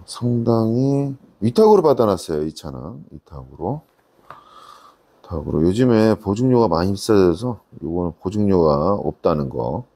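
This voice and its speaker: A middle-aged man with a deep, husky voice presents a used car in off-the-cuff salesman patter. His pitch swings up and down as he repeats the selling points in an informal way. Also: big pitch swings, moderate pace, dark tone. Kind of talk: casual, unscripted sales walkaround review.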